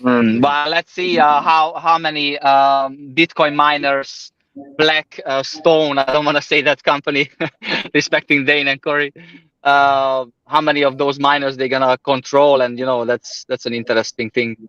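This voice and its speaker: A man talks casually on a call. His voice is bright and dry, heard through a dull lo-fi line. He often repeats words while hunting for the next one. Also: mid-range voice, level tone, clean tone, dry recording. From Hungary. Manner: halting, repeats words while searching for them. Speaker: guest caller. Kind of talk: casual chat.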